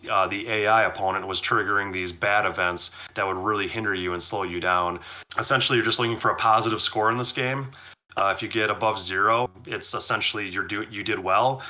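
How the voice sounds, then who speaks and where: A man with a low voice chats enthusiastically on a podcast, his voice going hoarse as he loses it. His tone is strong and forceful, and he clears his throat and restarts phrases often. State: losing his voice. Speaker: podcast co-host. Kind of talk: casual chat.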